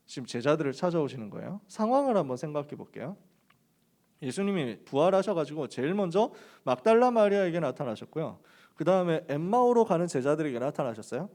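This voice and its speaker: A man pastor preaching a casual youth sermon, telling the story in an animated way and acting out the quotes. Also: a little high.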